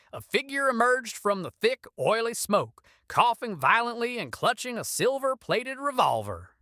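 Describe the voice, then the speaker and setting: A woman's voice: fairly high pitch, fairly bright tone, dry recording, clean studio sound. A woman narrating a frontier adventure story in an intense, scripted style.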